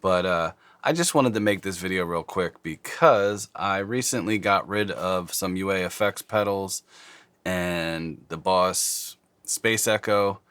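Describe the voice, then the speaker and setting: Low male voice, forties, numb from the dentist, casual rambling video chat, dry close studio sound. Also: fairly bright tone, clear, resonant tone, dry recording. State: mouth slightly numb from dental anaesthetic. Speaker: host of guitar gear videos. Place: small dark studio, indoors.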